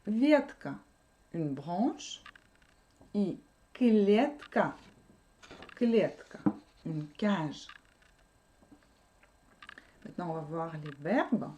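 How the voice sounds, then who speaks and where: Woman teaching vocabulary with lively intonation. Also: fairly low pitch, extremely slow, pauses often, slight background noise. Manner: repeats and explains each word patiently. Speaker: Russian language teacher. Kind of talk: language lesson.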